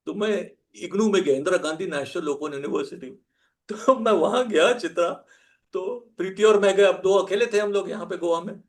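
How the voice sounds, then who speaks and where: A man's voice: sits high, moderate pace. A man in his sixties, a podcast guest telling personal stories in a humorous, self-deprecating way and chuckling often. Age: 60s. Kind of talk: anecdotal conversational storytelling.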